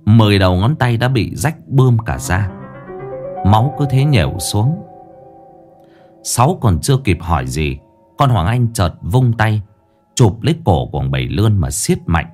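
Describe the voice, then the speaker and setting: A man narrates a ghost story in a low voice with big, animated swings of pitch. His dramatic delivery builds suspense. Faint music plays underneath him. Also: normal speed.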